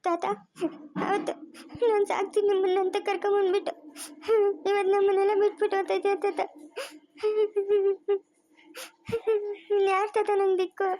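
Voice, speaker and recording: Woman playing weepy little girl for a cartoon, very high, sobbing pleas. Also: completely flat delivery, slow, pauses often. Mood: tearful pleading. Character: young granddaughter, tearful and pleading.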